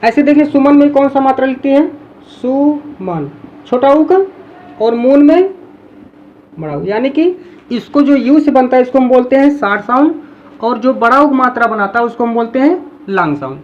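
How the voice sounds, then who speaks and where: A woman with a high voice teaches in a patient classroom style. She repeats each example word slowly, drilling it. The recording sounds dull and lo-fi. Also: lively intonation.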